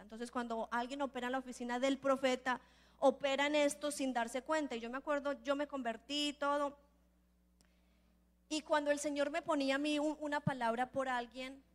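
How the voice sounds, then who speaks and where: A woman preaching at a church conference, telling a personal testimony in a lively way and acting out the people in her story. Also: a little high. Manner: lively storyteller who acts out the voices in her stories; earnest, building to emphatic declarations. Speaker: prophet and preacher.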